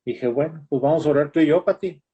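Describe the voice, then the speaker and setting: A man's voice: on the high side, steady tone, fast, dark tone, breathy edge, highs cut off. An older man telling his own story in a Bible class, often tagging his lines with a questioning aside. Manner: storytelling, tags lines with "¿verdad?". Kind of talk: personal testimony in a Bible class.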